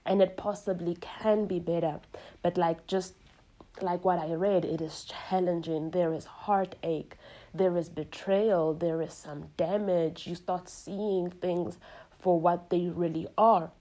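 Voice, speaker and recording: Woman, devotional teaching, earnest, repeats phrases, warm low voice. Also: steady tone, slow pace. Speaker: online preacher.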